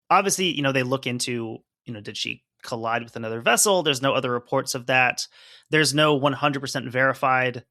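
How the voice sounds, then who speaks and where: Bright, tense-voiced male podcast host. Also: medium pitch, dry recording, studio quality. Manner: conversational, hedging with fillers while explaining. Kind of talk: casual chat reading from a report.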